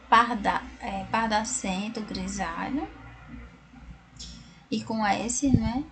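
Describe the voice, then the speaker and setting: Brazilian woman teaching, gravelly tone. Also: medium pitch, noisy background. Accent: Brazilian Portuguese. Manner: explanatory, frequent tag questions. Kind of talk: recorded online class.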